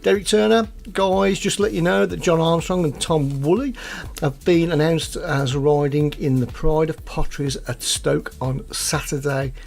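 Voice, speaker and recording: A man's voice: fairly high pitch, steady tone, normal speed, gravelly, a little mellow. A man co-hosting a podcast, reading out viewer comments in a jokey, chatty way. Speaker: podcast co-host.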